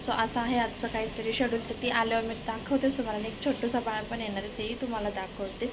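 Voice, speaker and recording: Vlogger, young woman, Marathi accent, casual chatty narration, slightly high pitch, background noise audible. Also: little pitch movement, fast talker. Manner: chatty, coaxing a toddler in a high playful voice. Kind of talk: casual daily vlog chat. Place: home. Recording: noisy home recording.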